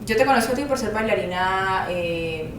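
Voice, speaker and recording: A woman hosting a podcast interview, chatting warmly and affectionately with her guest. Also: expressive, moderate pace. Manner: warm, affectionate remarks. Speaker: podcast host. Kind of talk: casual interview. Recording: echoey room, slightly distant mic, faint rumble.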